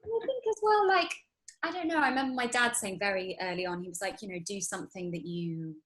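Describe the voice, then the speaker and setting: A UAE-raised actress in her thirties, a guest on an interview, talks casually and rambles with plenty of fillers and restarts. Her medium-pitched voice is animated, brisk and fairly bright, though the audio quality is poor.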